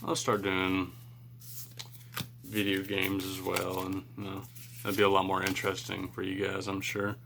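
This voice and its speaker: A man's voice: low-pitched, completely flat delivery, measured pace, creaky, noisy background. A man chatting casually and unscripted as he hosts a card-pack opening video, musing in a rambling, self-deprecating way. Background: cards being shuffled.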